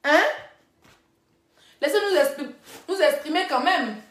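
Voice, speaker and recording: A young Ivorian woman blogger talks straight to her phone on a live stream, chatty and teasing, circling back over the same words. Her voice sits fairly high. The room around her rings with echo. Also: lively intonation, a bit bright. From Ivory Coast. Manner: chatty and teasing, repeats phrases, rapid asides to viewers. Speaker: social media blogger. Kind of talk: casual live-stream chat. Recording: echoey room.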